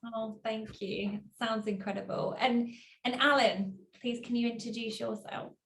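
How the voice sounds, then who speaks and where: A woman's voice: on the high side, steady tone, unhurried, fairly bright tone, reverberant. A woman hosting an online panel discussion on a video call, chatty and upbeat. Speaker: panel host.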